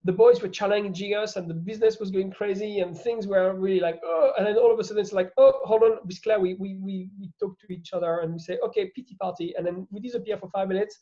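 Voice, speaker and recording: A man's voice: high-pitched, steady tone, fast, hardly any pauses, mellow, lo-fi sound. A man with a French accent, a guest in an interview, talking earnestly with many restarts. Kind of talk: casual interview chat.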